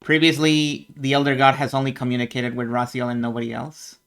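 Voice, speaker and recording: A man's voice: mid-range voice, completely flat delivery, brisk, gravelly, fairly bright tone, clean tone. A man giving casual video game commentary as a streamer, informal and reacting off the cuff.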